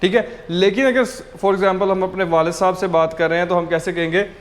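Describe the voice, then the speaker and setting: A man teaching a beginner language lesson, explaining words and repeating each one slowly several times for his students to copy. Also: high-pitched, steady tone.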